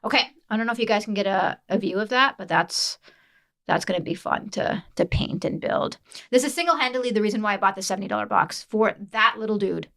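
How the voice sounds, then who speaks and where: An excitable woman talks fast and bubbly, in a casual home unboxing chat. She keeps an easy mid-pitched tone and restarts her sentences often. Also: creaky. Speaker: co-host, new hobby player. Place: home tabletop setup.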